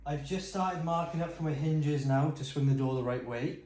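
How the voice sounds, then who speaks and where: A man's voice, a little high and a little mellow, moves at a moderate pace as he narrates a casual DIY vlog. He's a builder and carpenter by trade, practically explaining his renovation work step by step while working. The phone he holds captures the echo of a bare bungalow room under renovation indoors, plus faint noise.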